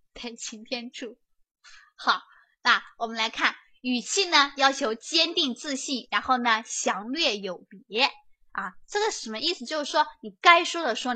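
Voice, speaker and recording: A woman giving a lively prep lecture, chatty and often checking that students follow along. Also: high-pitched. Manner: chatty, keeps asking students to confirm.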